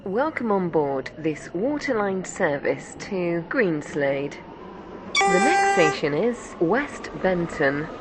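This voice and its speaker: A woman voicing an automated onboard train announcer, reading scripted station announcements in a measured, formal way over train noise. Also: sing-song. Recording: clear train rumble noise. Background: train vehicle ambience in a simulator game.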